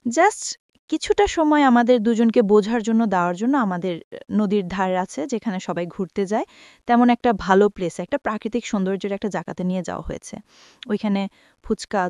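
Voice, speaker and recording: Recorded dry with clean studio sound, a woman with a mid-range, darkish voice and a Bangladeshi accent shares her life story on radio in a conversational style. She acts out reported dialogue and sprinkles English words into her speech.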